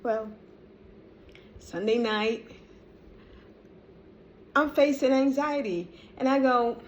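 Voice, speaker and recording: A middle-aged woman vlogger telling a personal story in a casual, animated way, often laughing and praising. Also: a little high, takes it slowly, slight background noise. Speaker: vlogger sharing a testimony.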